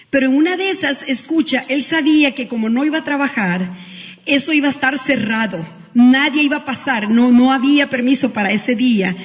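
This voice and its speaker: Woman preaching in a reverberant hall. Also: sits high. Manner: emotional storytelling with frequent restarts. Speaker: pastor. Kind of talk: Christmas sermon. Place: school hall used as church.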